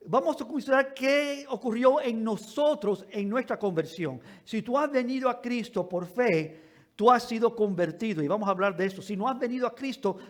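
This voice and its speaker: A man pastor preaching a sermon and reading scripture aloud, stretching out words for emphasis and correcting small slips as he reads. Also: high-pitched.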